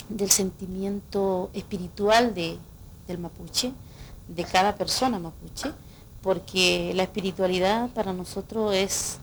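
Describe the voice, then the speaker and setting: Woman guest singer on radio, mid-pitched and thoughtful, explains patiently. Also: a little hiss or hum. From Chile. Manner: explanatory, reflective, frequent "¿no?" tags. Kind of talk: radio interview.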